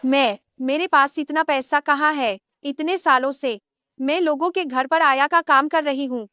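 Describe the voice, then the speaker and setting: A woman dubbing the role of an older housemaid who is deep in debt, pleading one moment and coldly scheming the next. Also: fairly even intonation, measured pace, bright, forceful tone, no room sound, clean studio sound. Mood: defiant. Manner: pleading, then cold and scheming. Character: scheming older maid, pleading then greedy. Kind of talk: Hindi drama dub.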